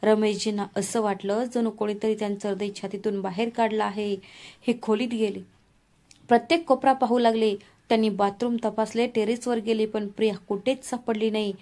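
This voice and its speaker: A woman narrating a scripted family drama in a steady, dramatic storytelling manner. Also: medium pitch.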